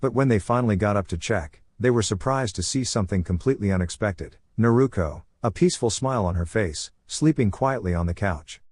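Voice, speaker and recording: A man narrating a fan fiction story in an even storytelling read, voicing every character himself. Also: fairly low pitch, a little fast, hardly any pauses, no room sound.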